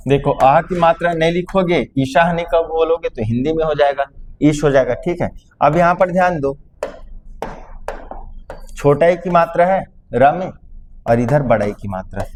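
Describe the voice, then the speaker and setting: A male teacher from Chhattisgarh lecturing a class on grammar, speaking to students fondly and checking often whether they understood, drawing vowel sounds out slowly. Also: fairly high pitch, a little mellow, a little hiss or hum. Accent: Chhattisgarh Hindi.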